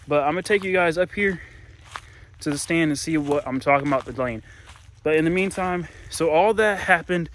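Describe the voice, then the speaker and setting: Young man, rambling casual vlog, walking outdoors, slightly high voice, faint background noise. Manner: rambling, repeats "and everything like that"; talks while walking outdoors. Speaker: hunting vlogger. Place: outdoors on wooded hunting land.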